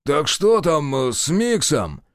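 A man's voice: on the high side, very animated, clear, resonant tone, dry recording, studio quality, voice pushed up. A man voicing a sly, sarcastic male informant who mocks and needles others, in an audiobook. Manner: sly, mocking, drawn-out. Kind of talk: audiobook character voice.

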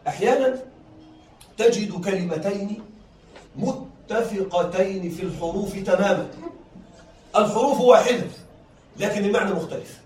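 A man with a high-pitched, darkish voice speaks at normal speed with frequent pauses, lecturing a class. He stretches key words for emphasis, repeats himself, and keeps checking that students follow, recorded on a distant mic in a roomy space with faint noise.

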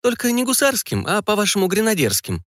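A man doing a calm, dignified young woman. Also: fairly quick, no echo, studio quality. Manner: calm, composed, slightly raised pitch.

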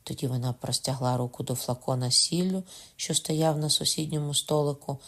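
A man narrating a historical novel as an audiobook, in a steady, measured reading. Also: medium pitch. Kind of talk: scripted literary narration.

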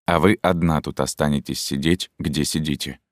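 A weary, guarded middle-aged scientist, as read by a male narrator, slow and resigned in a very low voice. He speaks quietly and close, with a dry studio sound. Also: steady tone, no echo. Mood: secretive.

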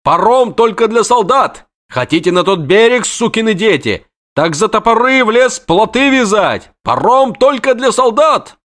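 A man voicing a coarse, bandaged male soldier on horseback who shouts orders at a crowd. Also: high-pitched, sing-song, unhurried, hardly any pauses, voice pushed up, full character voice. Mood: furious.

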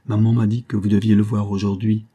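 Reader doing a nervous young bride, low hushed voice, husky, storybook. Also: male voice, little pitch movement, a little fast, highs cut off. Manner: hushed, tense.

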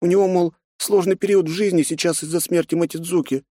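A man voicing a hurt teenage girl who pleads with her father in a high, tearful voice. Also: steady tone, quick pace, dark tone, no room sound, studio quality. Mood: upset.

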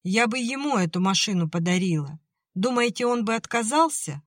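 A woman reading an audiobook, voicing a tearful, defiant young girl who talks in a high, strained voice. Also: expressive, moderate pace, no echo, studio quality, lightly acted. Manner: tearful, pleading, high-strung.

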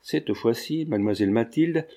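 A man narrating a literary novel as an audiobook, in a measured storytelling manner. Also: medium pitch, lively intonation, mellow. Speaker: audiobook reader.

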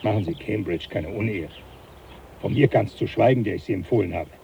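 An actor playing a jovial, teasing professor who laughs often, in a radio play. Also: male voice, fairly low pitch, brisk, creaky, dark tone, a little hiss or hum. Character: jovial older male professor, mocking. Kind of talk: 1980s radio play acting.

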